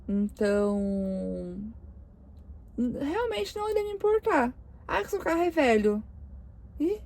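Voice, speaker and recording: A woman's voice: fairly high pitch, dark tone, breathy edge. A young woman from Brazil answering viewer questions in a casual vlog, chatty and emotional, her voice choked up at times. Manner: chatty, emotional, lots of fillers and self-quoting. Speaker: car vlogger.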